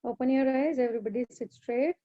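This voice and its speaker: A woman teacher with an Indian English accent leading an online class, praying slowly with the children, then gently coaxing and scolding. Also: high voice, dry recording. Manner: slow, drawn-out prayer, then pleading and scolding. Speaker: primary school teacher. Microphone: video call. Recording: dull lo-fi video call audio.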